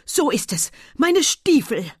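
A woman's voice: lowish voice, very animated, normal speed, slightly rough, dry recording, clean studio sound. A woman reading aloud, voicing a fussy middle-aged husband who huffs and splutters in a storybook. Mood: flustered. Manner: huffing, flustered.

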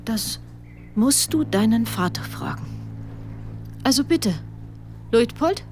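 A woman voicing a mother narrating a radio play in a hushed, sometimes snappish way. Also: a little high, lively intonation, slow pace, slight background noise. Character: mother Sarah, storyteller, easily irritated.

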